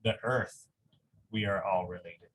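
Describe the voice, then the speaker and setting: A man with a low-sitting, fairly bright voice and fairly even intonation reads a picture book to school families a little slowly. His casual commentary is encouraging and conversational, often checking in with "right?". The rough recording has noticeable background noise.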